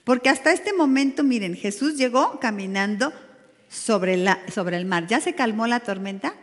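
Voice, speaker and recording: A Mexican woman pastor preaching a sermon to a women's group, animated, with rhetorical questions and dramatic emphasis. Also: a little high, normal speed. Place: church hall. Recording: long hall reverb.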